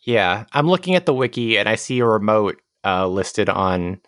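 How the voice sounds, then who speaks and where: A man's voice: fairly low pitch, moderate pace, fairly bright tone, no echo. A man chatting casually as a podcast co-host about a video game, with a wry, jokey, ironic way of riffing.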